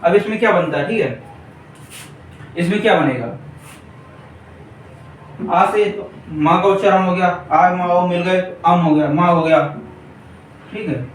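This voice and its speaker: A high-pitched, unhurried man leads an exam-prep Hindi grammar lesson at a board, leaving long pauses. His approach is repetitive and he frequently checks in with students, all captured through a distant mic in an echoey room with faint hiss.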